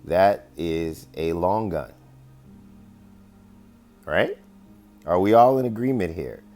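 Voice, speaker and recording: A man's voice: deep voice, expressive, slow, mellow, faint music behind. A man casually presenting his investigation to viewers, rambling with many fillers and often asking "right?". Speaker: amateur investigator presenting findings. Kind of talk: casual screen-share presentation.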